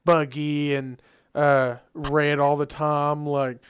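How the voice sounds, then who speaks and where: Young man, casual podcast chat, smooth voice, rambling, muffled lo-fi sound. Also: fairly high pitch, level tone, slow. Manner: rambling, restarts sentences, shouts when quoting people. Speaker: podcast co-host.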